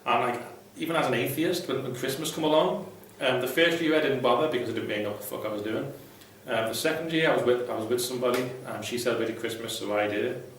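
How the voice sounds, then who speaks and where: Fast-talking with few pauses, a man with a medium-pitched, fairly bright voice dishes out blunt, sweary, irreverent advice off the cuff. He's a vlogger and ex-Jehovah's Witness advice host, recorded distantly in a very echoey room with faint noise.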